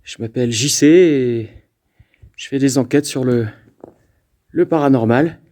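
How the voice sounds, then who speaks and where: A man with a mellow, dark voice and a mid-range pitch walks alone through an abandoned mountain fort, calling out to spirits. He stammers and repeats himself as excitement takes over. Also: unhurried. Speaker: paranormal investigator. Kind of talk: ghost-hunting vlog narration.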